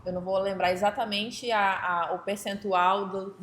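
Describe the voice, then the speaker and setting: A woman's voice: mid-range voice, steady tone, a bit bright, slight background noise. Woman explaining in an echoey room. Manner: halting, with many restarts and fillers while explaining. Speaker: participant in a workplace meeting. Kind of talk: casual explanation in a group discussion.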